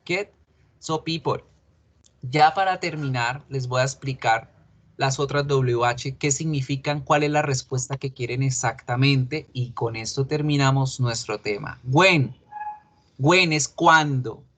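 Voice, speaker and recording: A man's voice: mid-range voice, measured pace. A man teaching English in an online class, explaining patiently step by step and checking that students follow.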